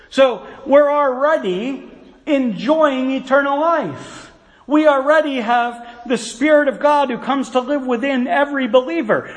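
A preacher with a notably high voice gives an earnest sermon, quoting scripture and making asides to the kids. His words carry a long reverb, as if the mic catches him in a large hall.

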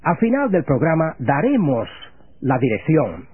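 A man hosting a religious radio program, asking questions in a formal, measured and reverent manner. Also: on the high side, huge pitch swings, husky, no room sound. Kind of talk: scripted religious radio interview. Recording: phone-like lo-fi radio broadcast.

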